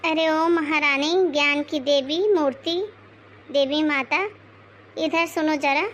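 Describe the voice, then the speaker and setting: A woman voicing a bossy, sarcastic mother-in-law in her forties in an animated moral story, scolding and mocking. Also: sits high, slow, a little hiss or hum. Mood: taunting.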